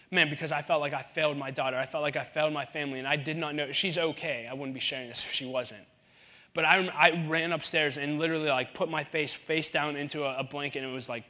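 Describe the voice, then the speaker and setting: A man in his thirties preaching a sermon in an animated way, acting out the voices in the Bible story. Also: fairly high pitch. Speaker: pastor.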